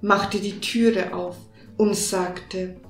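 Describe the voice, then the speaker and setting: A woman narrating a fairy tale for children, in a calm, unhurried storytelling manner. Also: medium pitch. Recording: roomy with faint music behind.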